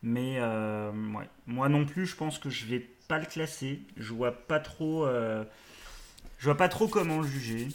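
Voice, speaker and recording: A man's voice: medium pitch, unhurried. Hesitant man giving critical opinions. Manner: hesitant, searching for words, critical. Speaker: podcast panelist. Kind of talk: casual panel chat.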